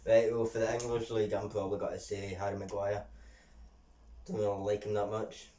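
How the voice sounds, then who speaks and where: Laid-back lad, low, roomy. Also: male voice, flat delivery, a little fast, warm tone, distant mic. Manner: laid-back, laughs a lot. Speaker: YouTube co-host. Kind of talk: casual chat. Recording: roomy and off-mic.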